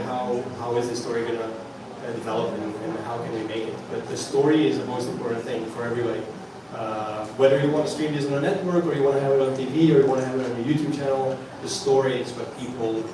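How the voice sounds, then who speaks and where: Italian-born man answering from afar. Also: mid-range voice. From Italy, grew up in Belgium. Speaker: documentary filmmaker. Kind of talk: press Q&A answers. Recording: echoey room, distant mic, noisy.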